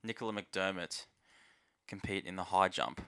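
A man's voice: sits low, moderate pace, sharp tone. A man with an Australian accent talking casually about sport as a podcast co-host. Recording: close, dry podcast sound.

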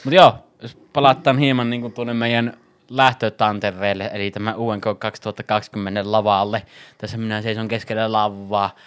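A man hosting a casual podcast chat, chatty and laughing often, talking in quick bursts. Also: lowish voice, little pitch movement, smooth.

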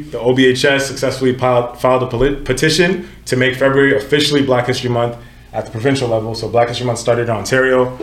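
This Nigerian podcast host in his twenties has a medium-pitched, fairly bright voice that reverberates around the room. Hosting a casual group chat, he talks conversationally, frequently self-corrects, and uses "you know what I'm saying" a lot.

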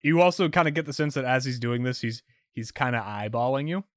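A man narrating as game master, halting and filler-heavy. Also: mid-range voice, no room sound, studio quality. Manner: halting, full of fillers and "kinda".

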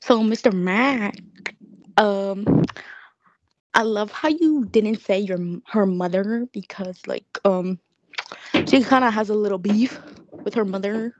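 A woman's voice: medium pitch, slow, long pauses, no echo. Young woman, ironic zoomer slang, casual chat, dry slightly muffled recording. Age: young adult. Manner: ironic Gen Z slang delivery. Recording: slightly dull lo-fi close recording.

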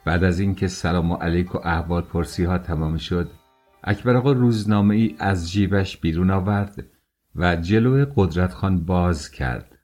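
A man with a very deep voice reads an audiobook. His narration is steady and measured, as a practiced storyteller's. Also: faint music behind. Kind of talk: scripted narration.

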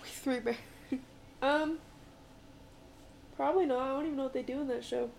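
A woman's voice: high-pitched, steady tone, moderate pace, gravelly, darkish tone, a little hiss or hum. A young woman chatting as a podcast guest, arguing her opinions in a talkative way. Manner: chatty, argumentative. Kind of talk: casual chat.

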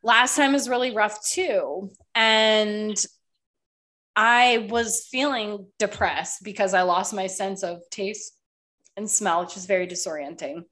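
A woman hosts a podcast in a loose, casual chat, her medium-pitched voice slow and slightly bright. She sounds a little congested and nasal, coughs slightly, swears often, and says "like" a lot.

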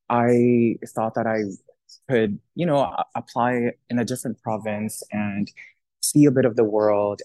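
This young man from Italy, a social worker, has a lowish, darkish-toned voice with no echo. As a guest in casual podcast interview talk, he speaks thoughtfully, full of fillers and restarts.

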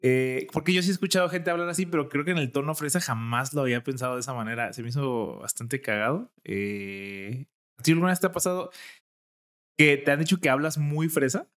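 Man, podcast co-host, casual chat, relaxed storytelling, mid pitch. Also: brisk. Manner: relaxed storytelling, quotes himself.

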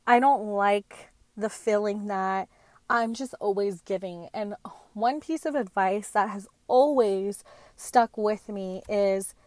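A podcast host, a woman in her late twenties, talks solo in a casual, chatty, earnest way, dropping slangy asides. Her voice sits at medium pitch with a darkish tone, and there's no echo.

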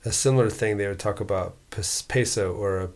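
An easygoing man co-hosting a casual podcast. His voice sits low, and he talks in a relaxed way, working out his thoughts as he goes. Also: fairly quick. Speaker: podcast co-host. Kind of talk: casual chat.

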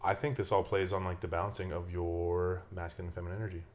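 This podcast host has a deep voice with little pitch movement and talks fast. His chat is casual and conversational, laid-back and reflective, with some casual swearing.

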